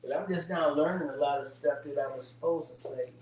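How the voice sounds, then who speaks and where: A man with a fairly high voice takes part in a Bible study group, chiming in with short, agreeable, reflective remarks. He sounds distant from the mic in an echoey room. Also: brisk, darkish tone, slight background noise. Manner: agreeable, reflective, chimes in briefly.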